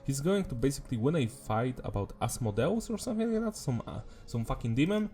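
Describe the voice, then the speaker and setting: Soft background music plays as a sick-sounding anime reviewer talks briskly in a sing-song, dark-toned, mid-range voice. His throat is clearly sore and swollen, and he keeps things loose and rambling, swearing mildly now and then.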